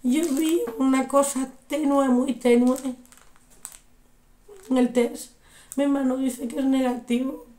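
Young woman vlogger, high mellow voice, echoey room, still unwell. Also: slow pace, pauses often. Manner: animated, repeats exclamations. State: unwell, recovering from illness. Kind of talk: casual storytelling.

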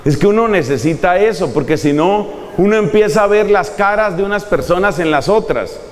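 Animated preacher, echoey hall. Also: male voice, high voice, normal speed. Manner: animated, humorous, acting out examples. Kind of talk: sermon.

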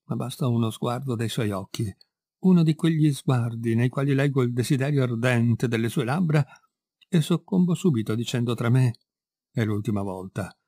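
A man's voice: medium pitch, moderate pace, mellow, husky, no echo. A man reading as a weary, brooding confessor. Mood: brooding confession. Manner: brooding, confiding, self-pitying. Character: weary middle-aged man confessing ruinous passion. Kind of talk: read-aloud storytelling.

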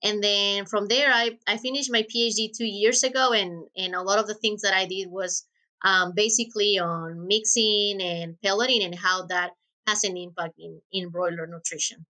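A woman's voice: medium pitch, fairly even intonation, normal speed, bright, forceful tone. A woman in her thirties from Honduras with a Honduran Spanish accent, answering interview questions thoughtfully with many hesitations. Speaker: guest researcher. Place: office with window blinds. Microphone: webcam video call.

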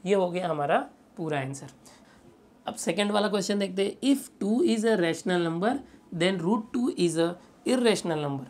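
A man teaching a maths lesson, patiently going through each step, asking rhetorical questions and reading English statements slowly word by word. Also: high voice, darkish tone.

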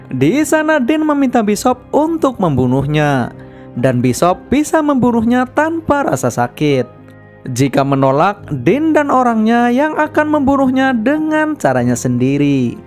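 Woman narrator for a film recap, animated intonation, faint music bed. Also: a little high. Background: background music.

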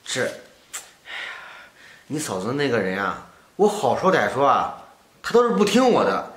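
A man playing a kindly single scrap collector who talks with warm concern. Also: medium pitch, huge pitch swings, moderate pace. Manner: warm-hearted, concerned, chatty.

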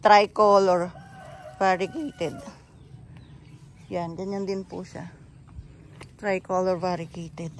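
A bougainvillea seller chats casually while walking viewers through a garden, naming plants one by one. The mid-range voice is flat and slow with frequent pauses, and there's a little hiss or hum.

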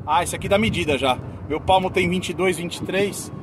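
A chatty fishing host with a fairly high voice, eager and quick to laugh. He talks outdoors on a boat at sea, with heavy wind and engine noise rumbling over the mic. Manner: chatty, excited, laughs often. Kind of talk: casual on-camera fishing chat.

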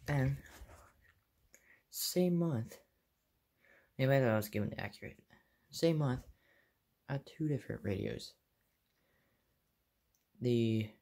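A young American man, a hobbyist video maker, casually narrates a show-and-tell in short, offhand phrases. He's holding a phone behind the camera in a small carpeted bedroom, and his medium-pitched voice is warm with vocal fry.

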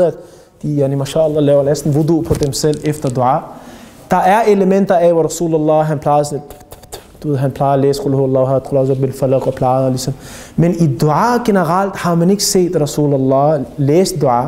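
A man teaching a youth gathering about prayer, with a fairly high voice. He speaks animatedly, turning to his listeners with rhetorical questions and direct appeals. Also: warm tone. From Denmark. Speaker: Islamic teacher. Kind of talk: religious lecture to youth.

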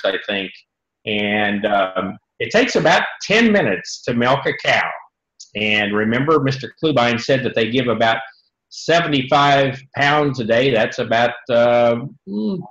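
An American dairy farmer in his sixties, appearing as a tour guest, explains things simply to schoolchildren in a folksy manner, often checking in with them. His medium-pitched, fairly bright voice comes from a trophy-lined office indoors over a computer mic on a video call, sounding muffled and echoey.

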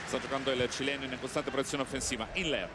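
A man with an Italian accent giving live football play-by-play with excited, breathless goal calls. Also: mid-range voice, fast talker. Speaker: football commentator. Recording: loud stadium crowd noise. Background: stadium crowd noise.

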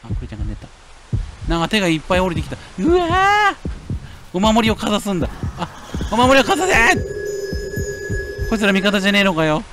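A man giving lively let's-play commentary on a horror game, muttering to himself and then yelling at scares. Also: rapid-fire, noisy background. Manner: animated, jumps from low mutters to yelps and shouts. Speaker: game streamer.

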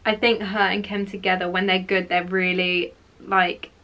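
A woman's voice: mid-range voice, level tone, normal speed, pushed and bright. A young woman chatting casually to her camera, opinionated and full of fillers. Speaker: vlogger. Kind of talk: casual chat. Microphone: camera mic.

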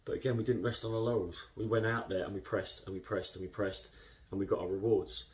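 Speaking fairly low, a man in his thirties who captains a football club talks through a post-match interview, easygoing and measured, leaning on lots of filler words. The recording comes from a camera set a bit away in an indoor club room, giving the audio a touch of distance.

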